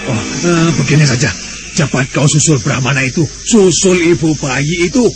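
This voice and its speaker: A man's voice: a little high, moderate pace, over music, close to an everyday voice. A man playing a nervous middle-aged village husband who talks urgently and hurries his wife along in a radio play. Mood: frantic. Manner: flustered, urgent, nagging.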